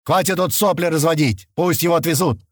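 Brief: man voicing a gruff burly axeman, blunt and commanding, pitched a bit higher, dry audiobook sound. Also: brisk, no echo, lightly acted.

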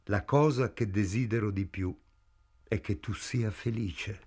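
A man voicing a tired, stubborn old male shopkeeper in an audiobook, with a gruff muttering manner. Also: fairly low pitch, measured pace, a little mellow. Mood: tender.

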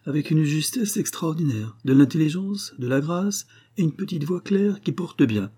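Excitable theater manager guy, lots of exclaiming, husky high voice, narrator doing it. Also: normal speed. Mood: eager. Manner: eager, exclamatory, talkative. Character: enthusiastic middle-aged male theater manager.

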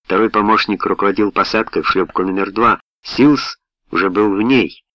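Brief: male narrator, low voice, steady first-person reading, dull dry studio sound. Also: moderate pace, no room sound. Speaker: audiobook narrator.

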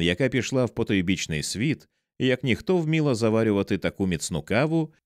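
A man reading a horror novel aloud as an audiobook narrator, with measured, dramatic storytelling. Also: no room sound, clean studio sound. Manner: measured, dramatic storytelling with wide swings in pitch.

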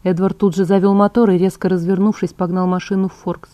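Woman audiobook narrator, measured, warm, mellow tone, dry close sound. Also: on the low side, level tone, no room sound. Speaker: audiobook reader.

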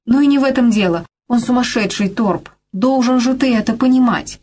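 Woman narrator voicing a desperate young woman, high and tearful, loud pleading. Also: fairly quick, breathy edge. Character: frightened young woman pleading with her lover.

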